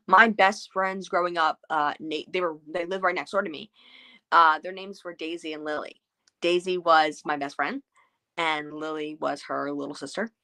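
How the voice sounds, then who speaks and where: A woman's voice: sits low, steady tone, moderate pace, bright, forceful tone. A woman hosting a casual book club chat, talking in loose, rambling sentences full of fillers. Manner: chatty, trailing off with fillers.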